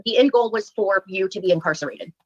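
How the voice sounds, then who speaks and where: A woman testifying as a witness in court, speaking in a measured, earnest way. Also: medium pitch, lo-fi sound. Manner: measured, earnest, halting with fillers.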